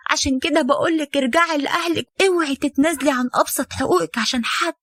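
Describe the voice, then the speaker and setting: A woman's voice: high-pitched, quick pace, a bit bright, dry recording, studio quality. A woman voicing a stern, weary mother-in-law who lectures her son's young wife, in Egyptian Arabic. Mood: lecturing. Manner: firm, lecturing, bitter.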